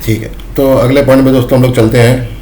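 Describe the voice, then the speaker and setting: A man explains his lesson patiently, circling back to each point and calling his listeners friends. His voice sits at an ordinary middle pitch. The room around him rings noticeably, with a faint hiss underneath. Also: flat delivery, fast, warm tone, roomy sound. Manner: repetitive, addresses listeners as friends. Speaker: trading educator.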